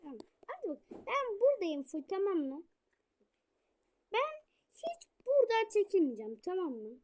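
A young woman chatting while playing a game with a friend, bossy, teasing and excitable, full of slang. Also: extremely high pitch, moderate pace. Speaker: gamer. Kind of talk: casual gaming banter.

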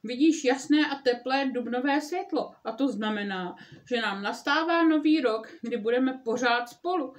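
A woman's voice: fairly high pitch, close to an everyday voice. A woman voicing an eager, cheerful male frog from a children's storybook, calling and coaxing his sleepy friend.

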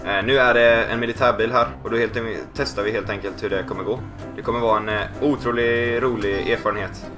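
A young man giving joking, excitable commentary over a video game. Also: medium pitch, over music. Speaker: gaming YouTuber.

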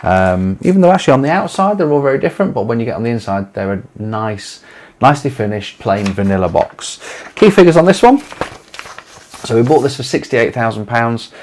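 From a small home office, an English letting agency owner in his forties chats to camera, rambling and full of fillers and restarts. He has an East Midlands accent and a medium-pitched, darkish voice.

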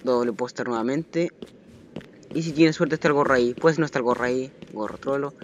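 A man giving let's play commentary on a horror game, jumpy and panicky, repeating phrases rapidly when chased. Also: medium pitch. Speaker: gaming channel host. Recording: noisy home recording.

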